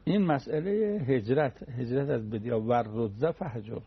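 A man's voice: mid-range voice, slightly rough, muffled recording. A man giving a conversational religious talk on the radio, teaching through everyday anecdotes and homely examples.

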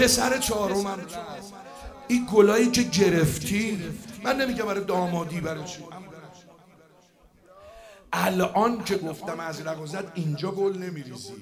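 A man telling a religious story as a dramatic lament, swinging from hushed tones to shouts. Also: high voice. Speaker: eulogist.

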